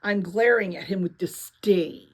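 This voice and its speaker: A woman's voice: mid-range voice, unhurried, husky. A woman reading aloud the lines of a flustered, sulky teenage boy from a novel. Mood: grumbling.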